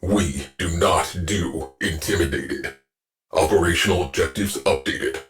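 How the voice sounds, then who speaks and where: A stern video game ship's AI officer speaks in clipped commands and dry, deadpan remarks, with a terse, military delivery. His voice is very low and unhurried. Faint music plays underneath.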